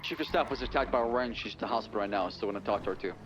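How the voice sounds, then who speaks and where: A man's voice: fairly low pitch, very fast. A man talking over a police radio in a roleplay, using clipped radio codes. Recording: muffled noisy radio channel.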